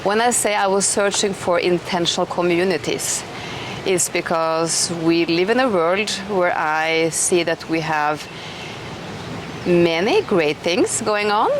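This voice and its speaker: Speaking low and without hurry, a middle-aged woman from Norway hosts a relaxed conversational interview in an eco village. Her manner is chatty and enthusiastic, full of restarts, and the outdoor recording is noisy.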